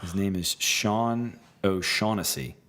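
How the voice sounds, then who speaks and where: Young Philly guy, lowish voice, stop-start casual podcast banter. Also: fairly bright tone. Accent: Philadelphia. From Philadelphia. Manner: halting, restarts often, reads aloud. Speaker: podcast co-host. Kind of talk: casual chat.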